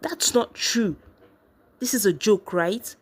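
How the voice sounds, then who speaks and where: A woman voicing an upset teenage girl who speaks in shrill, tearful outbursts. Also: slow pace, slightly rough. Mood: panicked shrill.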